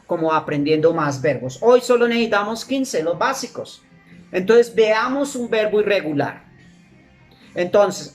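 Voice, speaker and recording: A woman teaching English grammar, slowly repeating English words for her students to drill. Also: lowish voice. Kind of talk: classroom grammar lesson.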